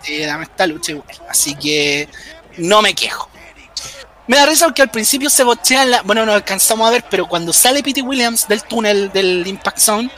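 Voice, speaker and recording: Chilean guy doing wrestling commentary, high bright voice, slangy n jokey, excited fan chat. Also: normal speed. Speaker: wrestling commentator, podcast host.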